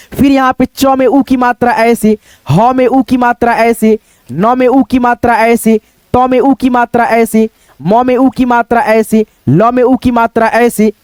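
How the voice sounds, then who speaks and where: High-voiced man teaching Hindi writing. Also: dry recording. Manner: patient step-by-step explaining, stretches vowel sounds. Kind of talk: online writing lesson.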